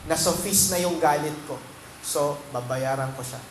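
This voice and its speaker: High-voiced Filipino pastor preaching. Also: male voice, normal speed. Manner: asks the congregation questions, mixes English phrases into Tagalog. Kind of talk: sermon. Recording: echoey room with background noise.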